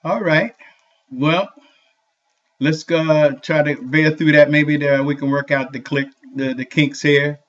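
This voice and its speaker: A man hosting a live sports talk show over a bad connection, his voice fuzzy and distorted, loud and quick to laugh. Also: fairly high pitch. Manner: loud, excitable, laughs often. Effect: fuzzy, distorted, muffled sound from a bad connection. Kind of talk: casual live-stream chat. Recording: muffled lo-fi live-stream audio.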